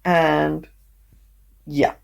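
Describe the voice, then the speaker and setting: A woman with a hoarse, sick voice, rambling casually with lots of fillers and coughs as she chats on her crafting vlog. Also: sits low, level tone, very slow. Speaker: crafting vlogger. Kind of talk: casual chat while crafting.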